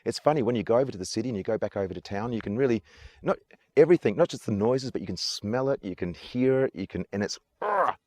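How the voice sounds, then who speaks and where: With a medium-pitched, darkish and expressive voice, a fast-talking Australian man is interviewed outdoors on an island. He works as a tour guide, hails from Adelaide, South Australia, and answers in a casual, enthusiastic, earnest manner, repeating his praise. The recording is dry.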